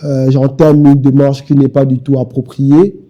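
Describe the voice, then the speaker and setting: In a televised interview, a young man who speaks for a political party pushes his points over and over, with a Congolese French accent from Kinshasa. His medium-pitched voice is flat and dark, moving at a moderate pace, and the highs are cut off.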